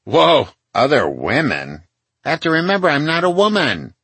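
A man's voice: fairly high pitch, wildly swooping pitch, normal speed, a bit bright, breathy edge, no room sound. A man in his sixties reading his memoir aloud to his mother, wry and confiding, with self-mocking asides. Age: 60s. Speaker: memoir author.

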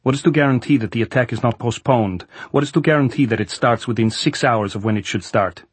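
A man's voice: on the low side, fairly quick, slightly rough, no room sound. A man voicing a brusque, emphatic Soviet military general, exasperated with his orders, in an audiobook. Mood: angry, bitter. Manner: emphatic, stern military officer. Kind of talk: audiobook character voice.

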